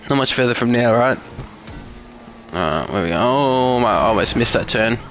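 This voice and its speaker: A man's voice: mid-range voice, animated, moderate pace, a bit bright, faint music behind. A young man streaming a driving game live, chatting casually with viewers, swearing often and venting road rage. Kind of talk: live gameplay commentary.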